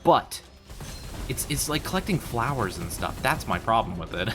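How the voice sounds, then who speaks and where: A man's voice: mid-range voice, big pitch swings, normal speed. A man livestreaming games, talking casually and bantering playfully with his chat. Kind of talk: casual gaming stream chat. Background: faint music.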